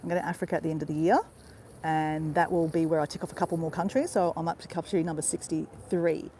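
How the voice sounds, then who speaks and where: A low-pitched, warm female voice with fairly even intonation talks at a quick pace, with a little hiss or hum in the audio. She's an Australian travel vlogger live-streaming a walk through a park by a river, casually chatting and repeatedly calling viewers "guys."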